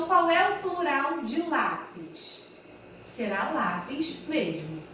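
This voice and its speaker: A woman's voice: high-pitched, fairly bright tone, a little hiss or hum. A woman teaching a grammar lesson, patiently repeating each example and correcting herself as she writes on a board. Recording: echoey room, voice far from the mic.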